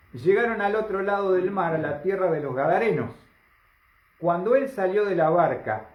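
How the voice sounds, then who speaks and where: A man preaching a sermon, emphatic and full of rhetorical questions to the congregation. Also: a little high. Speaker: pastor. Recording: roomy, slightly dull recording.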